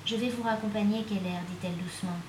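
A woman reading the lines of a gentle young woman in an audiobook, speaking softly, in an echoey room. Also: medium pitch, fairly even intonation, fast, distant mic, noisy background, close to an everyday voice. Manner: gentle and soft.

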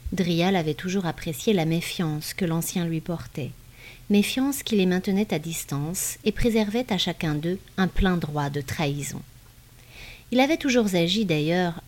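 Woman reading an audiobook, lowish voice. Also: a little mellow. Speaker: narrator. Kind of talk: audiobook narration.

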